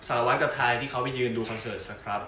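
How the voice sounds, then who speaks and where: A man's voice: medium pitch, steady tone, racing, sharp tone. A young man, an actor guest, talking casually and rambling, often repeating his words and laughing easily. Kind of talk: casual chat. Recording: roomy echo, faint background hum.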